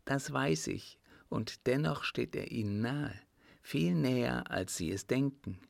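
A rich widowed countess, older and resolute, speaks softly and confidingly, voiced by a male audiobook reader who lifts his pitch. Her words come slowly, with a gravelly edge. The sound is close and dry. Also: animated, no room sound. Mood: probing. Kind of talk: audiobook reading.

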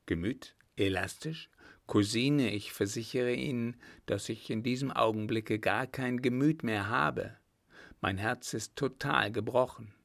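Flustered vain young baron in a storybook reading, voiced by a man, earnest and indignant, gravelly voice. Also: mid-range voice, unhurried, fairly bright tone, no echo, clean studio sound.

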